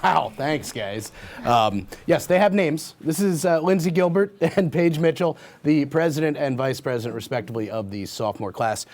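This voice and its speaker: A man's voice: a little high, moderate pace, darkish tone. A man teacher casually interviewing students in a studio, chatty and joking.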